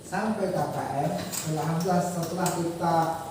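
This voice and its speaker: A man's voice: on the high side, steady tone, normal speed, a little mellow. A male teacher speaking to his class with an Indonesian accent, encouraging and direct. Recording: echoey classroom from far off, background noise.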